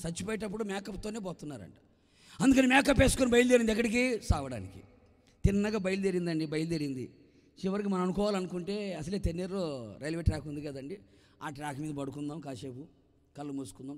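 A man preaching as a pastor, telling a story in an animated way that rises to fervent shouting. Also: a little high. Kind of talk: storytelling sermon. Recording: echoey live hall reverb.

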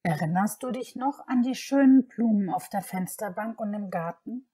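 A woman's voice: medium pitch, normal speed, mellow, slightly rough, pitched above the performer's own voice, lightly acted. A woman doing a kind old grandmother. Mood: tender.

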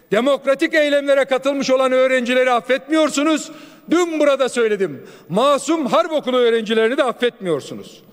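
High-voiced man orating at a rostrum microphone. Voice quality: forceful, raised, declamatory delivery. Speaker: member of parliament giving a speech. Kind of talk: parliamentary floor speech. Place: large parliament chamber. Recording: long reverb of a large chamber.

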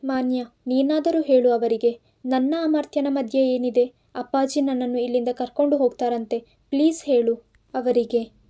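A woman's voice: sits high, fairly even intonation, normal speed, dark tone, natural voice. A woman voicing a young woman student who pleads tearfully with her father. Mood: tearful pleading.

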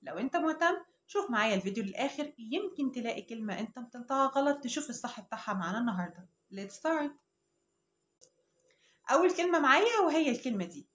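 A woman's voice: fairly high pitch, sing-song, a bit bright, slight background noise. Upbeat Egyptian woman teacher, echoey room. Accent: Egyptian Arabic. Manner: repeats words slowly to drill pronunciation. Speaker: English teacher. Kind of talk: children's English lesson.

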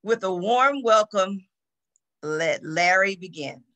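A woman's voice: mid-range voice, lively intonation, slow, pushed and bright. A woman in her sixties giving a formal introduction as host on a video call. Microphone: video call on a computer.

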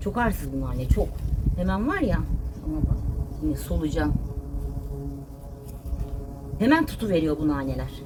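A woman's voice: deep voice, sing-song, normal speed, long pauses, heavy background noise. A woman vlogging casually as she cleans and gardens, chatting to her viewers, her pets and her plants. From Turkey. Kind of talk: casual chat while doing chores. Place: home and garden.

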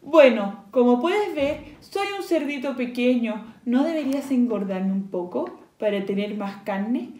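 A woman's voice: animated, unhurried, hardly any pauses, a little mellow. Woman squealing as a small panicky piglet. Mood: coaxing. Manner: high squealing pleas. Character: small frightened clever piglet. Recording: echoey room.

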